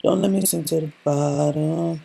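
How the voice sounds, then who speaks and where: A man from Cameroon singing softly and quietly on a rough vocal demo made on a laptop at his parents' place. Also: on the high side, fairly even intonation, normal speed, crowd noise. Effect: rough demo recorded on a laptop in his parents' home. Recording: distant echoey lo-fi laptop demo with music.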